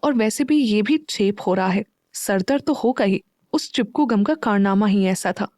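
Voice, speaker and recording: A woman voicing a feisty, sharp-tongued young woman with a snappy manner. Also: on the high side, animated, measured pace, no room sound, studio quality. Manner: snappy, dramatic.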